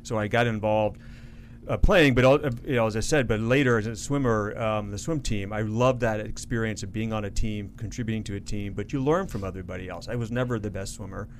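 A man's voice: lowish voice, fairly quick, slight background noise. A man being interviewed as a guest on a radio show, talking at length in an earnest, self-correcting way. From Florida, United States. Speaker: guest, association CEO.

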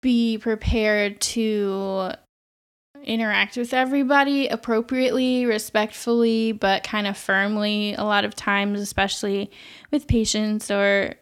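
A woman's voice: mid-range voice, steady tone, measured pace, clean tone. A young adult woman, a nurse, talking in a reflective, chatty way on a podcast and often laughing. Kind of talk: casual podcast chat.

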